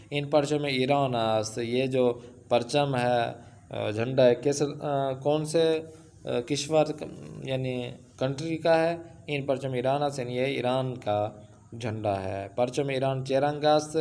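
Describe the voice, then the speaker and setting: A man teaching Persian in an online lesson. He reads Persian sentences aloud and then explains them slowly, with many filler sounds. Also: medium pitch, a little mellow.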